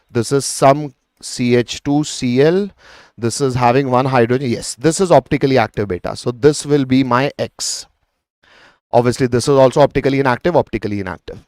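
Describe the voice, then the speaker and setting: A man's voice: on the high side, darkish tone, dry recording, clean studio sound. A man with an Indian accent teaching chemistry in a live online exam lesson, explaining conversationally, addressing students as beta and mixing some Hindi into his English.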